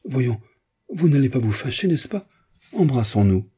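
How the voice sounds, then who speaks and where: A timid, weepy giantess of a woman who begs softly for small kindnesses, put on by a male audiobook reader. Her voice lifts higher than his own, with a husky grain. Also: sing-song, moderate pace. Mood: tearful, tender. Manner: pleading, meek. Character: simple, tearful giant older woman.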